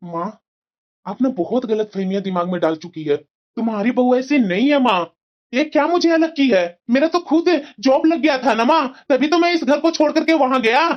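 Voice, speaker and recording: Brief: woman playing a calm, coaxing cartoon son, raised voice, dull lo-fi recording. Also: high voice, normal speed, lightly acted. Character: mild reasonable grown son.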